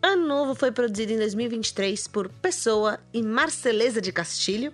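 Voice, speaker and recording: Playful female radio co-host, bright pitch. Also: lively intonation, fairly quick, soft background music. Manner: light, playful banter. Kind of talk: casual radio chat introducing songs.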